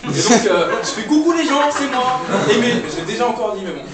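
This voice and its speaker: A young man with a very high-pitched voice and big pitch swings does improvised stand-up with the audience, talking briskly in a loose, chatty way full of fillers and restarts. He's heard through a distant mic on a live stage, with crowd noise, strong echo, and a noisy room.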